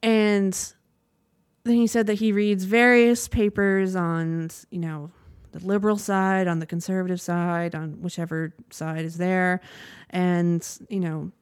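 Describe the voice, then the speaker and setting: A woman's voice: fairly low pitch, little pitch movement, measured pace, clean tone, no room sound, clean studio sound. A young woman hosting a casual podcast, telling a story in a chatty, rambling way with frequent laughs. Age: young adult. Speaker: podcast host. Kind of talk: casual monologue.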